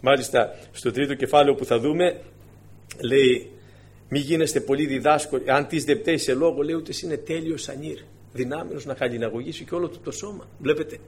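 A man preaching a sermon in a conversational, animated way, with sudden emphatic bursts, often addressing his congregation as dear brothers. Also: medium pitch.

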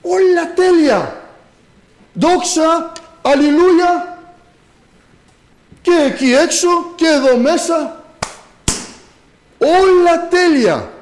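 Preacher putting on a smug carefree churchgoer, very high voice, mocking sing-song, self-excusing. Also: male voice, animated, long pauses, darkish tone, low-quality recording. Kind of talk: sermon parody.

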